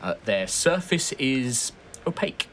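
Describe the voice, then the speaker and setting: A man's voice: mid-range voice, very animated, unhurried, fairly bright tone, a little hiss or hum. A man improvising dramatic, descriptive narration as game master of a tabletop game.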